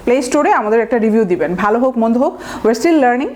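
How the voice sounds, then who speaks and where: High-voiced Bangladeshi woman teaching vocabulary. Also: animated, fast, darkish tone. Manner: mixes English phrases into her talk, breaks long words into syllables; fillers and restarts, asks the viewer rhetorical questions. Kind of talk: online exam-prep lesson.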